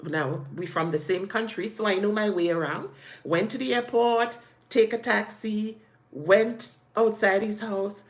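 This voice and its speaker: A woman's voice: mid-range voice, measured pace. A woman sharing a personal testimony in an earnest, faith-filled way, retelling events dramatically. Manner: animated, dramatic retelling with acted quotes.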